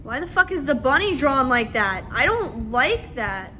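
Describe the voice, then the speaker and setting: A woman's voice: high-pitched, big pitch swings, measured pace, bright, forceful tone. A young adult woman giving casual, scared and jumpy gameplay commentary as a horror game streamer, swearing often. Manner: frequent swearing. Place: indoor room. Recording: clear background noise.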